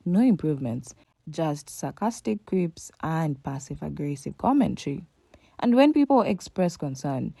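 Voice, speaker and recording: A woman's voice: sits low, creaky, dark tone, no echo. A woman reading a scripted commentary voice-over, emphatic and full of rhetorical questions. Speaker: commentary narrator.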